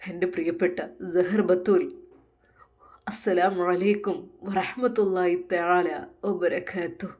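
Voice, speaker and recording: A woman's voice: medium pitch, measured pace, long pauses, darkish tone, natural voice. Woman doing a tearful young cleric, pleading prayer, storybook. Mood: whispered prayer. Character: young male religious teacher, tearful and devout.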